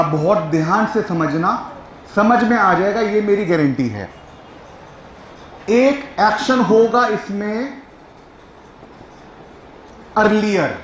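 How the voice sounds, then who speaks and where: A man's voice: high voice, reverberant, a little hiss or hum, low-quality recording. A male teacher giving a classroom grammar lecture, who keeps checking whether his students follow and coaxes them along.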